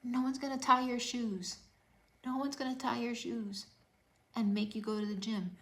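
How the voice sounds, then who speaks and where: A woman's voice: a little high, level tone, normal speed. A woman fitness coach giving an emotional motivational talk on a livestream, repeating key lines and dropping to whispers for emphasis.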